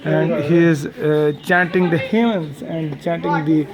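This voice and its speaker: Middle-aged man, fairly high voice, slow eager commentary, camera mic, guests chattering around. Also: steady tone. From Kashmir. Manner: eager, mixes English narration with Hindi remarks. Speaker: groom's uncle narrating a family ritual. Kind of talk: live commentary while filming a ceremony. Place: family wedding ritual. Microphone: handheld camera mic. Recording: crowd chatter of a ceremony behind.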